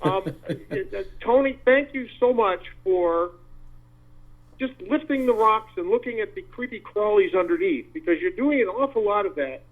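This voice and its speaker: Male caller, tinny phone line, high voice, rambling folksy talk. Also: animated, moderate pace. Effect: tinny phone line sound.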